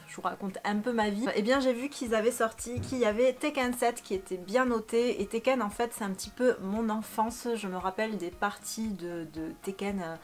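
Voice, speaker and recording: Chatty young woman, bubbly and self-mocking. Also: mid-range voice. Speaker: vlogger. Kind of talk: casual chat. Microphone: studio microphone.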